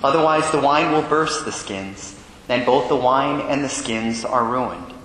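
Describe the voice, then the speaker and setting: A priest reading the Gospel and preaching a homily in a measured way, with rhetorical questions, his voice in a cathedral echo inside a large church. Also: lively intonation, fairly bright tone, slight background noise. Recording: booming long reverb in a large church.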